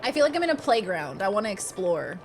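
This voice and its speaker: A woman chatting casually and playfully as she comments on the game she is streaming, expressive and a bit silly. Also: mid-range voice, fast, background noise. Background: game music.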